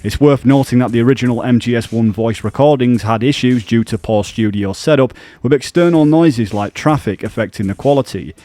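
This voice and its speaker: A YouTube commentator narrates a scripted video essay on games, explaining things in an earnest, measured manner. His voice is medium-pitched and mellow, with no echo.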